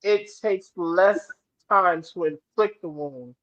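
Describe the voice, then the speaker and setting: High-voiced New man, lo-fi sound. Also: takes it slowly. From New Orleans. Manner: animated, repeats words when starting. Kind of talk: casual discussion. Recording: dull lo-fi audio.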